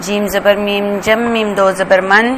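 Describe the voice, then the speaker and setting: Female Quran reading teacher, careful and slow, flat steady delivery, noisy recording with vehicles passing. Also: medium pitch. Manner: slow, careful spelling out of syllables.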